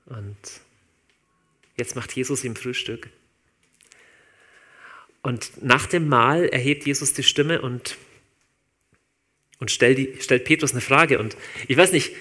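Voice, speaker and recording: Bright-voiced man preaching conversationally. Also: medium pitch. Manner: conversational, informal, addresses listeners directly. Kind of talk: sermon.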